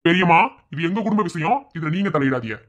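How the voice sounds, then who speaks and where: A performer voicing a scornful, bullying middle-aged father-in-law in a cartoon, with a Madurai Tamil accent, taunting and shouting insults. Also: medium pitch, lively intonation, quick pace, lo-fi sound, lightly acted. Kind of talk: cartoon voice acting.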